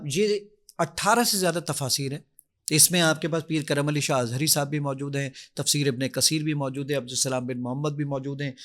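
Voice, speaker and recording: Man, app demo on a podcast, enthusiastic, animated, fairly high voice. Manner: energetic, enthusiastic, acts out his own requests. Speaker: app founder giving a demonstration. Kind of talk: podcast guest demonstrating an app.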